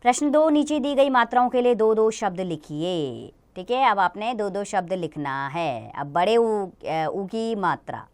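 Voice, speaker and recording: A teacher gives young children a grammar lesson, her clear, smooth voice at medium pitch, animated and a little mellow. She explains slowly and patiently, regularly turning to the kids with questions.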